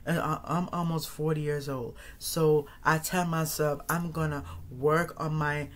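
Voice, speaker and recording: A man's voice: a little high, little pitch movement, measured pace. A man in his thirties hosting his own podcast, talking casually to his audience in a rambling way, repeating phrases and restarting sentences often. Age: 30s. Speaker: podcast host. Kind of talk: casual solo monologue.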